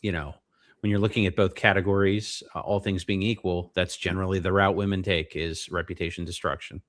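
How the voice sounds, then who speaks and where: A man's voice: low-pitched, level tone, a little fast, fairly bright tone. A man co-hosting a retro gaming podcast, talking casually with lots of fillers and restarts. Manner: hesitant, many fillers and restarts. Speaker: podcast co-host.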